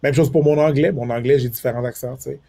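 A man with a Quebec French accent that carries a touch of Haitian Creole, talking in a loose, animated way. His voice is somewhat husky and breathy at mid pitch. He keeps repeating words and restarting his sentences. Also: fast. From Quebec, Montreal area. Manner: switches into English accents when telling stories. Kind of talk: casual conversation.

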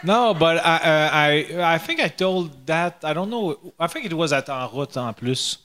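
A French-speaking man with a Quebec French accent, joking casually and searching for words in halting English. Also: a little high, expressive, a bit bright.

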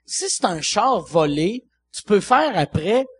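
High-voiced quebec guy, raspy, cracking jokes in casual chat. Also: sing-song, takes it slowly. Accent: Quebec French. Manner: joking, laughs often.

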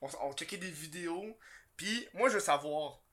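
A man's voice: a little high, moderate pace, a bit bright. A man with a Québécois French accent hosting a podcast, talking loosely and joking with slang. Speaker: podcast host. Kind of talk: casual podcast chat.

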